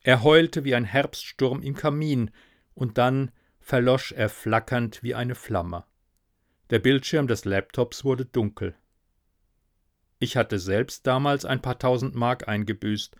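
A man's voice: medium pitch, slow, no echo. A man narrating a story in a dry, wry tone.

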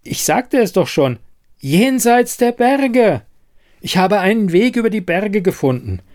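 A man voicing an excitable young village man who insists, eagerly and breathlessly, on what he has seen. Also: sits high, a little slow, pitched above the performer's own voice. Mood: insistent.

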